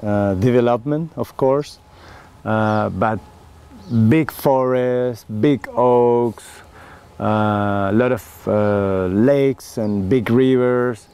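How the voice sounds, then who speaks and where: Speaking slowly and haltingly, this Chilean winemaker, whose first language is Spanish, gives an oral history interview in a gravelly, mid-range voice with a warm tone and a Chilean Spanish accent. He is earnest, with many fillers and restarts.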